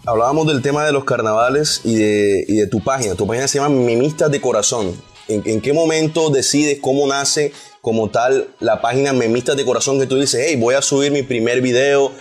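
A man's voice: mid-range voice, fairly quick. Male interview host, Barranquilla coastal accent, mid-range voice, informal delivery over faint music. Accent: Colombian Caribbean coast, Barranquilla. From Colombia. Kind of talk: casual interview hosting.

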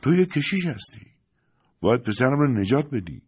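A man's voice: medium pitch, very animated, breathy edge, pitched above the performer's own voice. A man voicing a frail dying old woman. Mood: pleading. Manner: whispering, urgent.

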